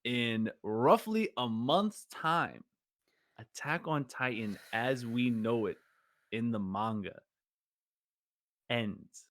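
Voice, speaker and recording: A man in his twenties co-hosting a podcast in casual chat, an animated storyteller who laughs often and swears casually. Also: medium pitch, slow, long pauses. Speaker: podcast co-host.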